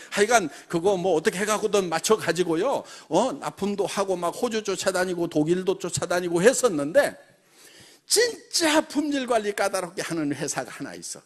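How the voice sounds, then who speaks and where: A middle-aged man from the Jeolla region gives a motivational business talk to company members, animated and full of rhetorical questions. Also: a little high. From Jeolla region, South Korea. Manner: animated, peppers speech with rhetorical questions and laughs. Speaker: company chairman addressing members.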